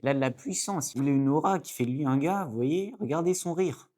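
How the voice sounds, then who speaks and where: Speaking briskly, an excitable YouTuber chats his way through opening card packs, repeatedly addressing his audience as "les gars," meaning "guys." His casual commentary is full of jokey asides and sudden high-pitched, excited outbursts.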